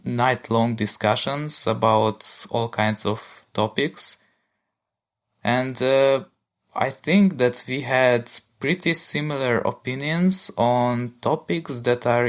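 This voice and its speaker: Young man, from Hungary, podcast co-host, hesitant, unhurried. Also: mid-range voice. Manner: thoughtful, hesitant with fillers. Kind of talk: casual chat.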